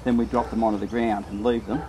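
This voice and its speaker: A rabbit control trapper and trainer talks fast in a lowish voice with flat delivery, out on rural land. He gives a plain-spoken, practical field explanation like he's showing people the job, with clear rural background noise around him.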